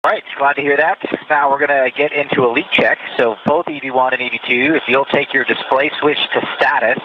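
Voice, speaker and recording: A man on a radio comm link, calmly giving a spacewalk crew step-by-step procedural instructions. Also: mid-range voice, fairly quick. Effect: muffled radio comm link. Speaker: ground controller on the spacewalk radio loop. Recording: muffled radio line with static hiss.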